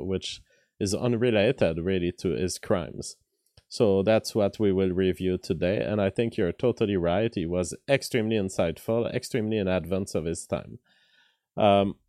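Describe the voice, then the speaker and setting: Weak-voiced man, low. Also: a little mellow, no echo, clean studio sound. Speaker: livestream host. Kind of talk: casual livestream commentary, reading viewer messages.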